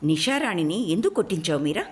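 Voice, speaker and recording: A woman's voice: fairly low pitch, big pitch swings, quick pace. A woman voicing a perplexed husband who questions his wives earnestly in an audiobook. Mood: questioning. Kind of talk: audiobook role reading.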